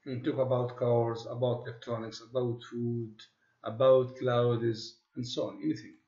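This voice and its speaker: A man's voice: medium pitch, level tone, warm tone. A man teaching an English class, reading the text aloud and modeling question intonation for his students. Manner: switches between English and quick Arabic explanations, models intonation. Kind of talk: classroom lesson. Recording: roomy, dull lo-fi classroom audio.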